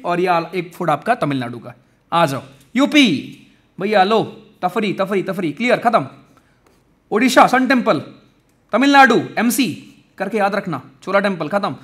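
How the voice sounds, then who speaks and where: A young man teaching exam-prep mnemonics in a chatty, energetic lesson, calling his viewers friends and brothers. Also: high voice.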